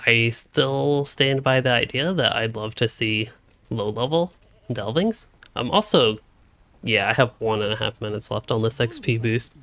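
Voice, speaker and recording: Gravelly-voiced man streaming a game. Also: medium pitch, measured pace, a bit bright, dry recording. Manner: rambling, thinking aloud. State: hiccuping. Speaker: gaming streamer. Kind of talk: casual live-stream commentary while playing. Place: home room.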